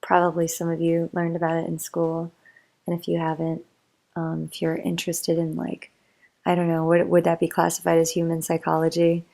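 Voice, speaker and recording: A woman's voice: on the low side, monotone, normal speed, creaky, dark tone. A young woman rambling in a chatty, meandering way for a sleep-aid monologue, full of motivational musings and fillers. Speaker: bedtime talk creator.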